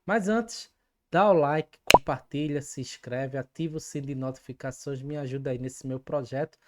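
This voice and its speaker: A woman with a notably deep, low voice hosts a fan commentary vlog. She talks emphatically and with clear indignation, addressing viewers directly. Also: moderate pace, slight background noise. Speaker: fan channel host.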